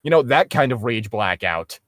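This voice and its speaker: A man co-hosting a casual comedy show reads a fan fiction aloud in a mid-range, expressive, slightly bright voice at normal speed. Between passages he breaks off into sarcastic, mocking tangents and swears freely. The recording is dry and studio quality.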